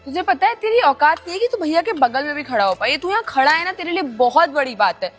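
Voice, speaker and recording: A woman plays a spoiled rich younger sister who sneers rudely. Her voice is very high, and soft music plays behind the amateur skit. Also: lively intonation, fast talker. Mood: dismissive. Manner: sneering, rude.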